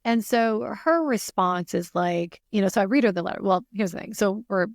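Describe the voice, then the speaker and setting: A woman's voice: medium pitch, normal speed, dry recording, studio quality. A woman telling a personal story as a podcast guest, earnest and full of "you know" fillers.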